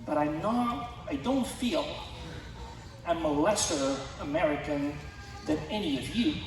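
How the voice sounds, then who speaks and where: A man from Romania gives a formal address in a deliberate, earnest way, his pace slow and weighty. His voice sits a little high for a man. It is picked up from a distance in a big, echoing auditorium with a long reverb tail and clear room noise behind it. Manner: measured, earnest, deliberate phrasing. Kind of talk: formal speech at a concert. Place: school auditorium.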